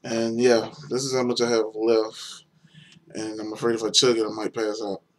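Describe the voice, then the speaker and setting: A man's voice: lowish voice, little pitch movement, moderate pace. A young man giving a casual, rambling beer review on video, hesitant and full of fillers.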